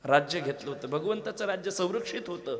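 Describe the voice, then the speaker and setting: A man preaching a devotional kirtan with a Marathi accent, telling stories in an animated way, acting out the dialogue and breaking into loud bursts. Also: high voice, a little fast, big-room sound. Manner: animated, acts out dialogue with laughing asides and sudden loud bursts. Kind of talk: devotional kirtan sermon with storytelling.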